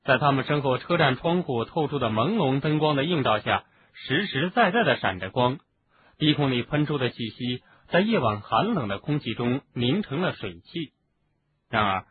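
A man narrating an audiobook in an expressive storytelling manner. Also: mid-range voice. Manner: expressive, doing voices for each character. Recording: narrow phone-like sound, faint hiss.

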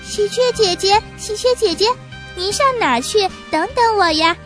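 An eager little boy pigeon, brave and keen to keep up, as a woman storyteller puts him on. His voice is high and bright, set over soft music. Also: lively intonation, moderate pace. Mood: calling out. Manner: eager, stammering when caught.

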